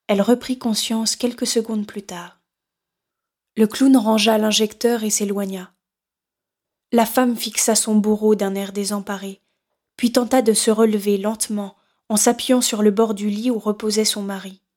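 Woman, audiobook narrator, steady measured reading, mid-range voice. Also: medium pitch. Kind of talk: scripted narration.

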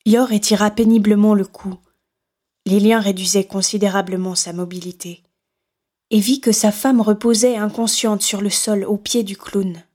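Woman, audiobook narrator, steady measured reading, mid-range voice. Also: medium pitch. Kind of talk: scripted narration.

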